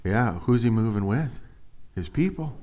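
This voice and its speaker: A man's voice: mid-range voice, expressive, a little slow, warm tone. A man preaching a conversational sermon as pastor, joking and asking lots of rhetorical questions.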